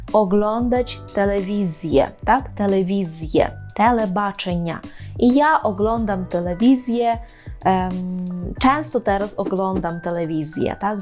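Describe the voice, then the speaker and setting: A woman at a mid pitch teaches vocabulary in an online lesson. She explains calmly, keeps checking that the listener follows, and slows down to say each example word carefully. Faint music plays underneath. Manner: explains patiently, often checks with "так?"; says Polish example words slowly and clearly. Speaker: Polish language teacher.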